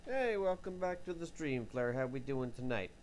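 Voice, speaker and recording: A man's voice: medium pitch, expressive, normal speed, darkish tone, a little hiss or hum. Chatty man on a livestream headset. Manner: chatty, greets and answers viewers. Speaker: livestream host. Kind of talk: casual livestream chat.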